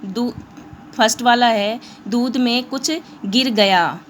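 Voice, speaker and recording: A woman teacher walks young pupils through a lesson at a very slow, deliberate pace. Her voice sits a bit high, and she mixes English words into her explanations. A faint hum of background noise sits under the recording. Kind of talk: online class lesson.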